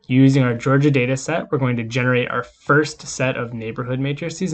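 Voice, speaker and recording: Man casually teaching coding over keyboard clicks. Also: medium pitch. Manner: casual, explanatory, talks while typing code. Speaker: lecturer. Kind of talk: screen-recorded coding lecture.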